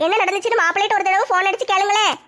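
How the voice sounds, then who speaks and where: A woman's voice: extremely high pitch, steady tone, very fast, pushed and bright. A woman playing a sensible middle-aged village wife and mother in a comic skit, scolding and reasoning in a Tirunelveli Tamil accent.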